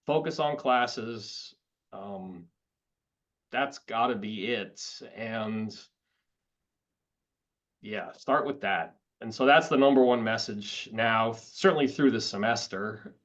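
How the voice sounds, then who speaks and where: A man's voice: on the low side, slow pace, a bit bright. A man who advises law students on careers, speaking on a panel and thinking aloud with frequent restarts. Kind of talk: panel discussion. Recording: slightly dull lo-fi audio.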